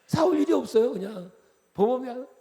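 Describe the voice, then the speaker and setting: A man preaching a revival sermon in a high, gravelly voice. His delivery is animated and jokey, dropping soft then rising loud. A long reverb trails each phrase, as in a church hall. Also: normal speed. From Chungcheong, Korea. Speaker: pastor.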